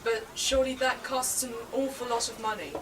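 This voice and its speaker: A woman's voice: on the high side, steady tone, a little fast, far from the mic, noisy background. A woman interviewer in a mockumentary comedy, asking skeptical, probing questions.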